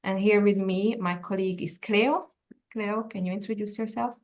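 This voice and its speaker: A woman's voice: mid-range voice, fairly even intonation, moderate pace, a little mellow. A woman chairing a video call meeting and leading the introductions, polite and procedural with some fillers. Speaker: education department director, meeting chair.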